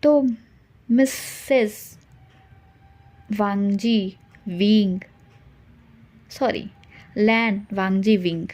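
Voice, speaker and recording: A woman's voice: mid-range voice, very slow, long pauses, darkish tone. Woman doing a smug teasing alpha man.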